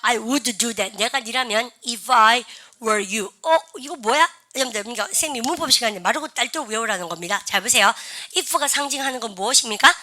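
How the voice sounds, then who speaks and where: A woman's voice: on the high side, moderate pace, sharp tone. A woman teaching an English conversation class at a blackboard, calling out drills for her learners to repeat and chatting with them between points. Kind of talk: classroom lesson.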